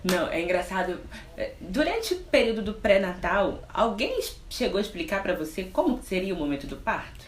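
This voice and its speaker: A woman's voice: mid-range voice, big pitch swings, a little fast. A Brazilian woman nurse hosts the interview and explains her views earnestly, speaking straight to her viewers. The room rings with echo, and a faint background noise sits under her voice. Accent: Brazilian Portuguese. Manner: earnest, speaks directly to the audience. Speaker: nurse and host.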